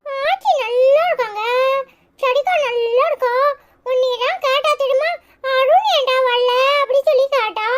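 A woman voicing a sulky, tearful little boy in a Tirunelveli Tamil accent for a cartoon. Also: moderate pace. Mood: cheerful. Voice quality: very high, childlike. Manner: whiny pleading, near tears. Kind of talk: cartoon comedy voice acting.

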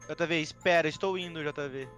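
A man's voice: on the high side, a little fast, a bit bright, faint music behind. A man playing along with friends, joking, laughing and yelping in casual group gameplay chat. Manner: jokey, yelps and laughs often. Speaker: gaming friend.

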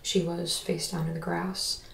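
A woman's voice: on the low side, flat delivery, measured pace, vocal fry, slight background noise, exaggerated voice. An actress playing a young woman haunted by a friend's death, who speaks hesitantly and reflectively in an audio drama. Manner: hesitant, soft-spoken, reflective. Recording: roomy echo.

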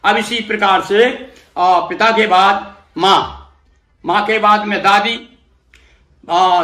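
A man guiding listeners step by step through a ritual. He explains patiently and recites mantras slowly, letting each one fall low and soft at the end. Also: echoey room. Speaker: religious teacher.

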